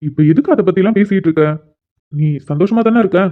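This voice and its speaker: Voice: medium pitch, narrow, tinny audio, close to an everyday voice. A performer voicing a caring older brother who teases and comforts his sister, in a cartoon. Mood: teasing. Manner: teasing, reassuring, quick. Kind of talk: cartoon voice acting.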